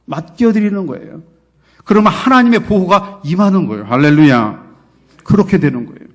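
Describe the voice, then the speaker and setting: A middle-aged man preaching a sermon as a pastor, telling stories with quoted dialogue and swinging between loud and soft. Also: on the high side. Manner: storytelling with quoted dialogue, emphatic and swinging in loudness. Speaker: associate pastor.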